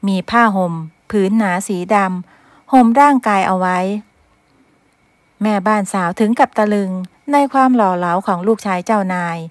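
A woman narrating a romantic story in an even storytelling manner, close to the mic. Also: mid-range voice, normal speed, no echo.

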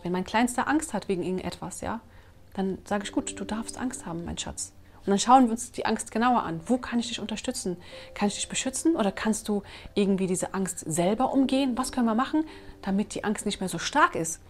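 A mother of three who vlogs about parenting speaks earnestly to her camera in a casual way, her voice sitting in the mid range. She is animated and acts out her own scolding, and the audio comes from the camera's built-in mic.

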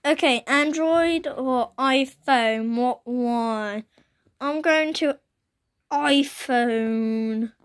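Talking extremely slowly in a high, croaky voice, a young woman provides casual, chatty gameplay commentary full of exclamations for her gaming channel. The audio comes from a phone she holds up to her laptop screen indoors at home, with rain outside.

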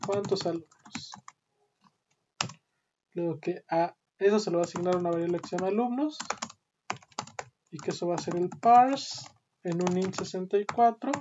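Speaking at a normal speed in a lowish register, this woman walks her students through code one step at a time, frequently asking "¿sí?" to check they follow. It's a screen-recorded lesson captured in dull, lo-fi sound with noticeable background noise and typing on a keyboard.

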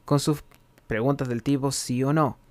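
A man giving a recorded English grammar lesson, explaining in Spanish and reading English examples slowly and carefully. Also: mid-range voice, steady tone, no echo. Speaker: English teacher.

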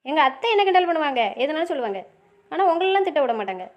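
A woman's voice: high-pitched, big pitch swings, racing, dull audio. A woman in a romantic audio drama, answering back in a stubborn, pouting, playful way.

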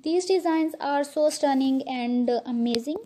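A woman's voice: high-pitched, a little slow, mellow, slight background noise. A woman narrating a showcase as a channel host, in effusive, repetitive phrasing.

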